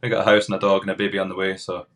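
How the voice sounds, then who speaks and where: Low, flat-voiced Scottish man. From Scotland, Glasgow. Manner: relaxed, unhurried, frequent hesitant fillers. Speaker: podcast guest, tour guide. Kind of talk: casual interview chat.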